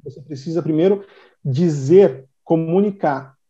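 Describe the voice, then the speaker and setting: Mellow-voiced man giving language tips. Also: fairly high pitch, a little slow. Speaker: English teacher guest. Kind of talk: casual conversation. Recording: dull muffled sound.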